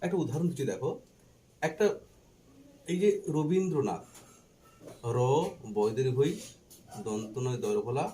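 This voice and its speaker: A man teaching a Bengali grammar lesson, slowly spelling out letters and asking and answering his own questions, with a faint Bangladeshi Bengali accent. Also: mid-range voice, lively intonation, mellow, a little hiss or hum. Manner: slow and deliberate while writing, spelling out letters.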